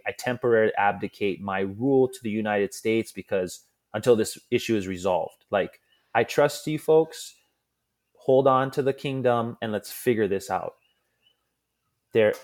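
A man's voice: lowish voice, darkish tone. A man from Hawaii, a podcast guest, telling history in a casual, earnest way and acting out the people he quotes. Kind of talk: casual conversational storytelling.

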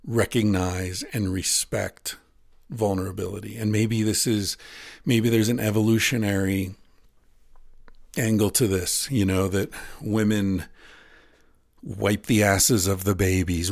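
Casting: low, gravelly man, unhurried, candid and earnest, dry close recording. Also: no echo. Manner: frank, earnest, profane at times. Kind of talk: casual critique of a book.

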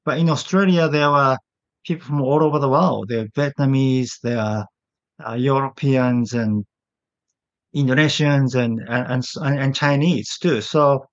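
A Japanese man, a native Japanese speaker, answering interview questions in English with a partly British accent, often pausing to search for words. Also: mid-range voice, dull audio. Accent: Japanese English with British influence. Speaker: guest.

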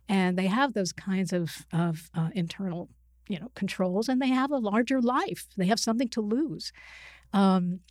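A psychiatrist and author, a middle-aged or older woman, speaks as an interview guest, reflective and hesitant, hedging and often correcting herself mid-sentence. Her mid-range voice is a little mellow at a moderate pace, recorded cleanly in a studio with no room sound.

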